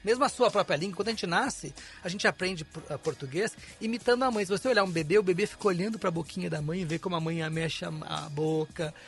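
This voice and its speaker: A man's voice: high-pitched, quick pace, creaky, hardly any pauses, a bit bright, faint music behind. A man, an English teacher, explaining pronunciation as a guest on a radio interview in a studio. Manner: explanatory, demonstrates sounds.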